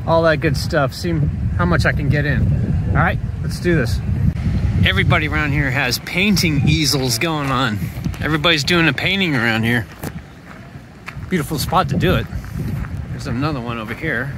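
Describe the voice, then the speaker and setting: A man's voice: a little high, moderate pace, pauses often. A middle-aged man chatting casually on a travel vlog, filmed on a phone at arm's length outdoors, grumbling and joking in an offhand way. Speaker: vlogger. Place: outdoors on a windy coast. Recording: loud wind and outdoor noise. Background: wind, traffic and outdoor noise.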